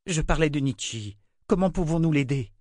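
A man voicing a young male lord who speaks urgently and forcefully. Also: mid-range voice, normal speed, no room sound, clean studio sound, pitched above the performer's own voice, lightly acted.

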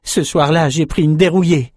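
A man voicing a gentle young male swordsman, earnest and pleading, in a storybook reading. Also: fairly high pitch, fairly even intonation, normal speed, dry recording, studio quality, voice pushed up, close to an everyday voice.

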